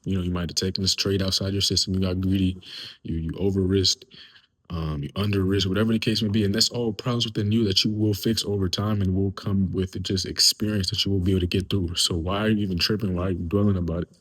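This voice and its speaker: A man's voice: low voice, steady tone, fast talker, fairly bright tone, no room sound. Laid-back young man giving a pep talk. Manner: laid-back, repetitive, slangy and encouraging. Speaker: day trading video creator. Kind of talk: casual motivational talk to camera.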